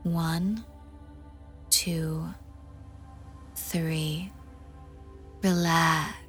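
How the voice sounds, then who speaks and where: A woman doing an ASMR role-play as a hypnosis guide, murmuring softly and breathily right into the ear, teasing, coaxing and gently commanding. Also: sits low, fairly even intonation, very slow, faint music behind. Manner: soft, intimate, breathy close-up murmur, right in the ear, often slipping into soft voice. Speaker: hypnosis audio host.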